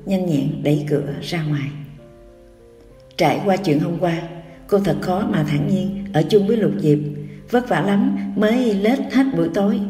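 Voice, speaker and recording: Nữ người dẫn truyện tình cảm, giọng mềm và tối, đọc thong thả. Micro đặt hơi xa, tiếng vang kéo dài. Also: female voice, lowish voice, dark tone. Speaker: audiobook narrator. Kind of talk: scripted romance narration. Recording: roomy echo, distant mic, music.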